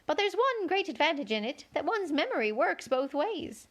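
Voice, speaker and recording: A flustered, helpless storybook queen, all pins and worry , played by a woman reading aloud. She speaks in a high, plaintive flutter that climbs toward a squeak when she gets excited. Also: moderate pace. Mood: fussy.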